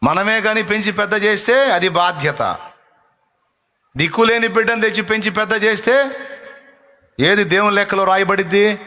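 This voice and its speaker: A man's voice: high voice, moderate pace, long pauses, pushed and bright. A male preacher giving a fervent sermon, repeating lines for the congregation to echo and acting out taunting voices. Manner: acts out taunting voices and rebukes them.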